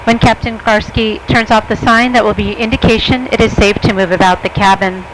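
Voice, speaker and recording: A woman's voice: medium pitch, fairly bright tone, low-quality recording. Flight attendant woman over faint engine noise. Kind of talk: scripted airline cabin announcement in flight attendant manner. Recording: cabin announcement over airplane engine noise.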